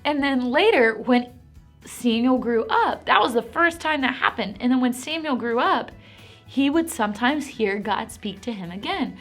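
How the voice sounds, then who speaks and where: An animated woman teaches a Bible lesson to preschoolers and cheers them on. Her voice is high and swoops widely. Faint music plays behind her. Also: normal speed. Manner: animated and encouraging.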